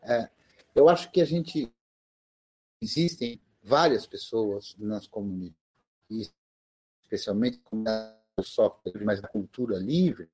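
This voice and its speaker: A man's voice: on the low side, takes it slowly, long pauses, warm tone, soft background music. A man, a teacher, talking earnestly and reflectively in a casual online group talk, his call audio choppy and breaking up over a bad connection. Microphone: video call. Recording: choppy video call audio, distant at times.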